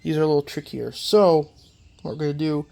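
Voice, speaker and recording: A slightly fast, mid-range voice with vocal fry and a somewhat mellow quality belongs to a repair channel host nursing a lingering cold. They ramble through a casual, hands-on mower engine repair in a workshop, correcting themselves and using lots of fillers.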